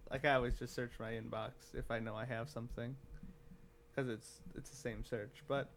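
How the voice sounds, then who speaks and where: A man's voice: medium pitch, little pitch movement, moderate pace, gravelly, a bit bright, a little hiss or hum. Chatty hedging man hosting tech news. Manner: chatty, hedging, lots of "like" and "I guess". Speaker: podcast co-host. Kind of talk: casual tech chat.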